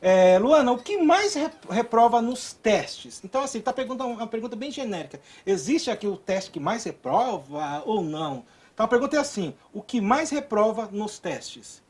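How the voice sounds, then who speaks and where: A woman hosting an interview, asking quick, chatty questions with asides. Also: fairly high pitch, very animated, a little mellow, husky. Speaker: interview host.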